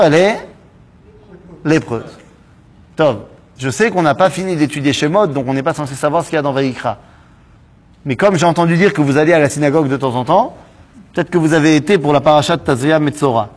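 A man teaching a lively Bible study class, asking quick rhetorical questions and mixing Hebrew terms into his talk. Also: a little high. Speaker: Torah teacher.

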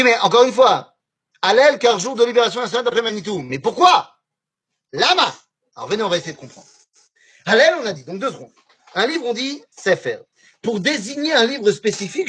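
A man teaching a lively religious lesson on Hebrew words to a class, often asking his students questions. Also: sits high, husky. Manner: animated, asks the class questions. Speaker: Torah teacher.

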